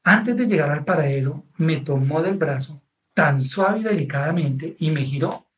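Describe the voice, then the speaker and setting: A man's voice: fairly high pitch, moderate pace, highs cut off. A man with a Colombian accent, a guest author telling a personal story in conversation and often checking in with his listener. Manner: animated, keeps checking in with the listener.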